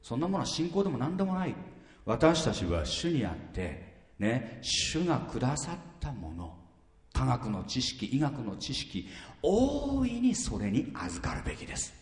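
A man's voice: medium pitch, unhurried. Man in his fifties, pastor, sermon, rhetorical questions, roomy reverberant church hall. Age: 50s. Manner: animated, rhetorical questions, repeats phrases.

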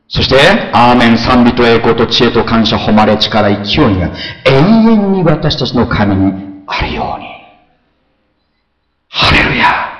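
A man preaching a sermon as pastor, animated, swinging between soft asides and loud exclamations, often asking his listeners questions. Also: mid-range voice, roomy sound, rough recording. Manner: conversational, asks the congregation questions.

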